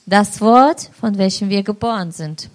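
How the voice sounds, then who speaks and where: A woman's voice: mid-range voice, a little slow. Woman interpreting a sermon. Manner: renders each phrase right after the preacher, steady and clear.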